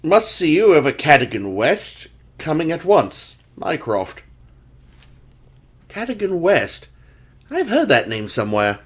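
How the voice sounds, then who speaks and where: A man's voice: on the high side, sing-song, a little slow. A man playing a genteel, patient doctor and narrator in an audio drama, speaking in a formal storytelling manner. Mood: obliging, curious. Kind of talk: radio-style audio drama acting.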